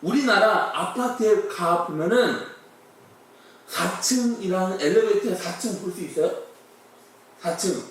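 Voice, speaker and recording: A man's voice: sits high, animated, a little slow, long pauses. A male pastor giving a sermon, telling stories, acting out dialogue, and asking the congregation questions. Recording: echoey room, mic far off.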